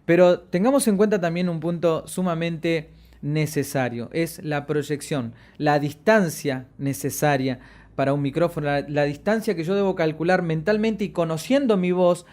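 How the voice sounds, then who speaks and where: Man, fairly high voice, voice instructor, expressive lecture delivery, slow stressed key words. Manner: expressive, varies pitch and loudness on purpose, drawn-out emphasis. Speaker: voice and media instructor. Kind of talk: lecture on voice projection.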